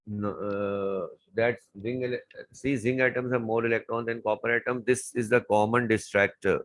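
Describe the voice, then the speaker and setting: A male chemistry tutor works through exam questions one by one. His voice sits low, and he circles back over key terms to drill them in. The recording is close and dry, with no room sound. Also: steady tone, normal speed, fairly bright tone, dry recording, poor audio. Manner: explains step by step, repeats key words. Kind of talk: exam paper walkthrough lesson.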